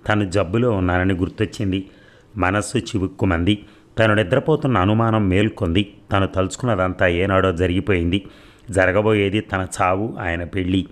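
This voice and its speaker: A man narrating a novel as an audiobook in a steady, measured storytelling manner. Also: deep voice. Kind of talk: novel reading.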